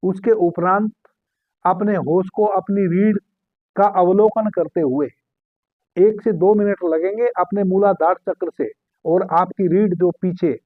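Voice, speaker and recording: A man with a fairly high voice leads a guided meditation in a calm, unhurried way, repeating key phrases. The recording sounds thin and phone-like, dry and close. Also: dry recording. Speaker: spiritual meditation teacher.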